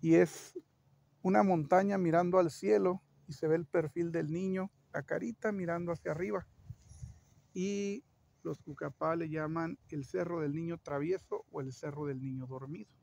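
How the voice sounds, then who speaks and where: A man's voice: a little high, steady tone, moderate pace, creaky, a little mellow. A man telling a local legend aloud in a playful, dramatic way with joking asides. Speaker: storyteller.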